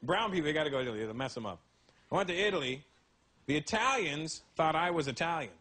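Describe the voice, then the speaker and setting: A male stand-up comedian telling animated stories with many asides to the audience. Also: a little high, fast, a little hiss or hum. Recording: live comedy show, loud crowd laughter.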